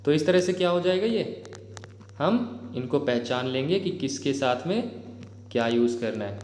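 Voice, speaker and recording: A man's voice: on the high side, lively intonation, darkish tone, slight background noise. Man teaching grammar in an echoey room. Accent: Indian. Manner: addresses viewers as "bhai", frequent "theek hai?" check-ins; reads English example sentences slowly and deliberately. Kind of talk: explanatory exam-prep lesson. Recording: echoey room with long reverb.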